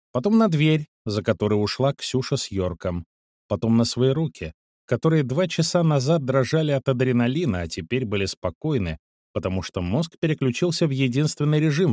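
A man reading a first-person story aloud, in a measured, calm and precise storytelling manner. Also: medium pitch, no echo, studio quality. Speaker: audiobook narrator. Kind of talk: first-person scripted narration.

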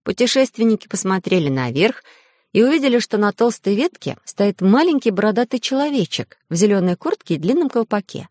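A woman narrating a children's audiobook in a lively, expressive way. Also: medium pitch, fairly quick, dry recording, clean studio sound.

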